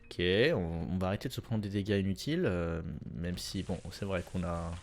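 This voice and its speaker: Young man, lowish pitch, casual let's-play commentary, chatty, self-correcting, excited bursts. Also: normal speed, a little hiss or hum. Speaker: gameplay commentator.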